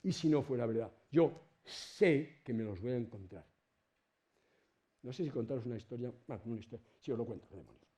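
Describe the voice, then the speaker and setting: A middle-aged man with a Spanish accent from Spain, giving an informal lecture to students in a colloquial, animated way and swearing casually. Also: mid-range voice, fairly quick. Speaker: university lecturer.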